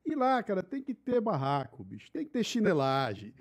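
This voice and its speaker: A man hosting a live interview, lively and informal, bantering with slang. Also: sits high, moderate pace. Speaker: host.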